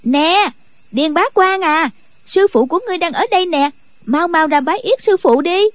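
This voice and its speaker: A man's voice: very high-pitched, normal speed, no room sound, pitched above the performer's own voice. A man voicing a mischievous young girl who teases and bosses others around in an audiobook. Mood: teasing. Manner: cheeky, giggling, bossy. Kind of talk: audiobook character voice.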